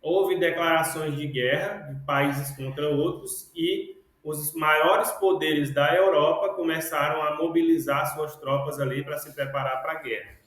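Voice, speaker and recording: A man teaching an English class, speaking slowly and repeating words one by one to model their pronunciation. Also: a little high, steady tone, fairly bright tone, heavy reverb, low-quality recording.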